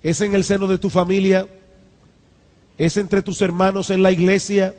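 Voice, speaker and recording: High-voiced male pastor preaching in a reverberant hall. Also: flat delivery, moderate pace, a little mellow. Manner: emphatic preaching with repeated lines and rising exhortations. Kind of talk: sermon. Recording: church hall with long reverb.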